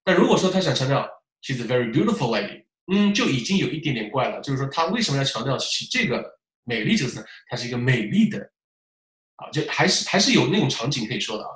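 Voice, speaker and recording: A man teaching test preparation in a lecture style, animated, asking rhetorical questions and demonstrating examples aloud. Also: mid-range voice, fast talker. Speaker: English test prep teacher. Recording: roomy echo.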